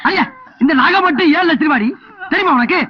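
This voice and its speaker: A man's voice: extremely high pitch, expressive, fairly quick. A man playing a boastful, hot-tempered village headman husband in a film comedy. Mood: indignant. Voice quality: blustering, indignant. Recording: dull lo-fi film soundtrack.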